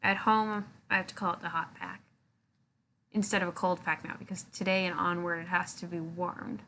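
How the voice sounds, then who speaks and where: A woman's voice: on the low side, level tone, normal speed, pushed and bright. A woman chatting casually and playfully on a live stream, talking with a sore jaw that she can't open far after dental surgery. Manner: playful, giggly. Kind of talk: casual chat. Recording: noticeable background noise.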